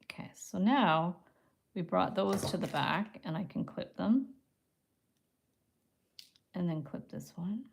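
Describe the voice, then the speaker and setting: A woman's voice: fairly low pitch, expressive, slow pace, creaky, pauses often. Woman murmuring through a craft demo. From Canada. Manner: chatty, drops to a soft murmur or whisper while concentrating on her hands. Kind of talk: live craft tutorial, thinking aloud while working.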